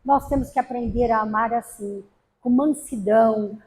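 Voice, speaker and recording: A woman's voice: fairly high pitch, moderate pace, darkish tone, a little hiss or hum. A middle-aged woman from Brazil giving a spiritist talk, telling stories with humor and acting out quotes. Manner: storytelling with acted quotes and humor. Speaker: spiritist lecturer. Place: spiritist center hall.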